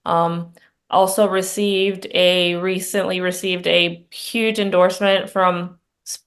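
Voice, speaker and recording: A middle-aged woman from Puerto Rico, running for Congress, speaks in a campaign interview with a fairly low-pitched voice. She is earnest and conversational, with frequent ums and restarts.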